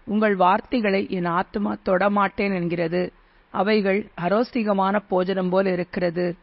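A man with a high voice reads scripture aloud. His delivery is steady and measured, like a recitation. The recording sounds dull and lo-fi. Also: vocal fry. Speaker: Bible reader. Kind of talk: scripture reading.

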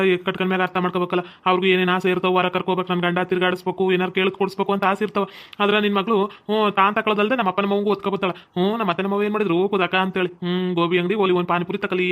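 A man's voice: high-pitched, a bit bright. A man playing an earnest, anxious young village husband. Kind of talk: comedy skit acting.

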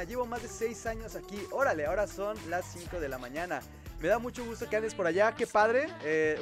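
High-voiced Mexican man hosting a livestream. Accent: Mexican Spanish. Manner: chatty, reads viewer comments aloud and replies. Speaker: livestream host. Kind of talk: casual livestream chat.

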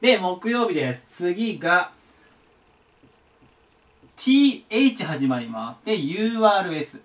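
High, lively-voiced man teaching. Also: unhurried. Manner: chatty, shares his own memory tricks. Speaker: online tutor. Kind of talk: casual whiteboard lesson. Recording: voice a bit distant from the mic.

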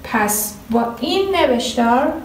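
High-voiced woman teaching in an echoey room. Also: lively intonation, distant mic, slight background noise. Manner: slow, drawn-out English example sentences; asks the class questions and answers them herself. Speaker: English teacher. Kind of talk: grammar lesson at a whiteboard.

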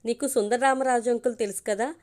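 A fretful young groom pleads with his closest friend in a storybook reading, as a woman reads his lines. The voice sits a little high and stays close to the reader's own. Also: steady tone, fast, a little mellow, lightly acted. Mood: anxious.

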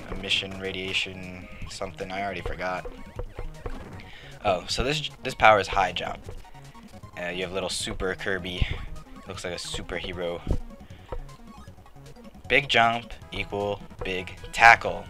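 A let's play commentator in his late teens to young adulthood jokes and rambles over his gameplay, poking fun at himself in a casual way. His slightly raspy voice sits low but comes out pushed and bright, with game music playing behind him.

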